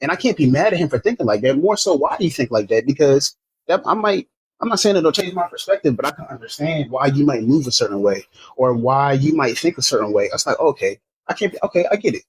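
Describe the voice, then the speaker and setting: A Maryland man with a mid-range voice talks fast and with lively intonation as a guest on a casual podcast. He speaks frankly, rambling, restarting often and swearing, and the recording quality is low.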